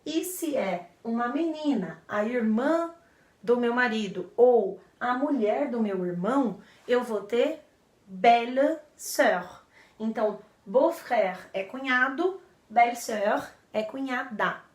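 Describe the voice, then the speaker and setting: Lady teacher going over words patiently, highish voice, echoey room. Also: expressive, takes it slowly. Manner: patient, repeats terms with frequent checks. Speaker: French teacher. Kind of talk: explaining vocabulary to viewers. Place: indoor room in front of a board. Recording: roomy echo, a bit far from the mic.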